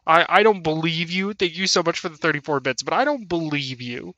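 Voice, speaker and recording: A man's voice: on the high side, lively intonation, fairly quick, pushed and bright, no room sound, muffled recording. A young man chatting casually on a live stream, laughing often and thanking his viewers. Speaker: VTuber streamer.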